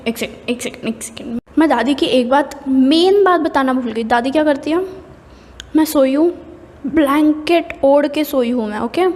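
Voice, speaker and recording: A young woman from India telling an animated, exasperated storytime at home by a window, switching between Hindi and English. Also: sits high, long reverb tail. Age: young adult. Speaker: vlogger. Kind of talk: casual storytime monologue.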